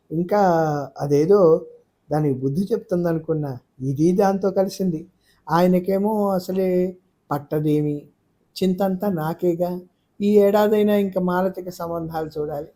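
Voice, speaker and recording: A man's voice: a little high, mellow. A man voicing a middle-aged mother who grumbles and frets anxiously about her daughters.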